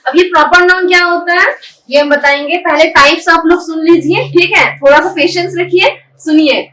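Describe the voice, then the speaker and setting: A woman teaches a spoken English lesson in Hindi, spelling each English word letter by letter and breaking it into syllables while checking in with her students. Her voice is high and bright, with a steady tone and moderate pace. The echoey room and her distance from the mic make it sound hollow, with faint ambience behind her.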